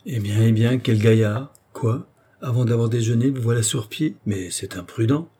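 A man voicing a jovial doctor in his sixties who speaks briskly and heartily. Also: mid-range voice, warm tone, slightly rough, lightly acted. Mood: hearty.

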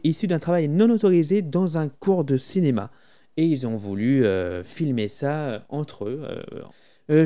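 A man co-hosts a relaxed podcast about film scores, speaking in a somewhat high yet dark, mellow tone. He talks with eager enthusiasm and breaks into humming melodies. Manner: enthusiastic, recommends music, hums tunes. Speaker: podcast co-host. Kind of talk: casual film music podcast chat.

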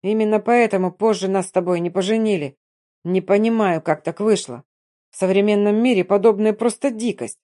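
A woman's voice: medium pitch, a little fast, dark tone, natural voice. A woman voicing a grown man who talks in a clipped, cold way in an audiobook. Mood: explaining.

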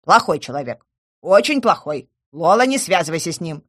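A woman's voice: lowish voice, big pitch swings, moderate pace, no room sound, clean studio sound. A woman voicing an elderly widow neighbour who moralizes weightily in an audiobook. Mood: moralizing. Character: elderly widow neighbour, stern cat-lover.

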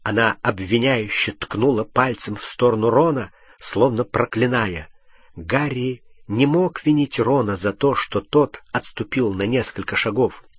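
A man narrating an audiobook in an expressive, measured reading. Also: mid-range voice, slightly rough, no room sound, studio quality. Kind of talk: scripted narration.

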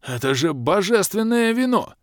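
A man's voice: high-pitched, big pitch swings, normal speed, no room sound, clean studio sound, voice pushed up. A man voicing a wheezy begging mage. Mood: pleading. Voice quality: hoarse, wheezing. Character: wheezy, pushy male mage begging for wine. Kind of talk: audiobook character voice.

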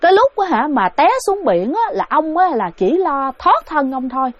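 Frantic, furious possessed girl, played by a woman, shrill and high, dry dull sound. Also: animated, brisk, dry recording. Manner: shrill, crying out. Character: young woman possessed by a drowned man's ghost, frantic and furious.

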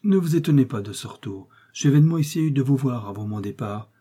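A man reading aloud, voicing a serious, jealous count who explains himself in measured tones. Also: mid-range voice, lively intonation, dark tone, slightly rough. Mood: earnest. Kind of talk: audiobook reading.

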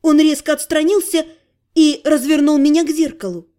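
A woman's voice: high-pitched, steady tone, moderate pace, mellow. A woman narrating a first-person story as an audiobook, reading expressively with emotion.

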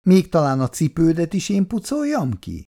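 A woman's voice: huge pitch swings, dark tone, exaggerated voice. A reader voicing an irritable young wife and mother who complains shrilly and reproachfully in a dramatized reading of a 1960s family story. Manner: shrill, reproachful, hysterical outbursts.

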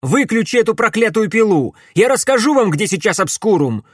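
A man voicing a desperate, defiant young male hero shouting demands to his captors in an audiobook. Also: fairly high pitch, moderate pace, no echo, clean studio sound, pitched above the performer's own voice, close to an everyday voice.

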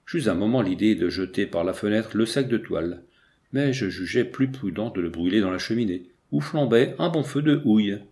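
A man narrating a first-person story as an audiobook reader, measured with lively emphasis. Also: on the low side.

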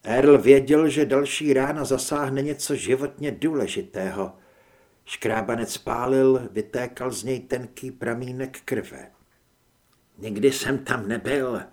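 A man's voice: medium pitch, a little mellow. Man narrating an audiobook.

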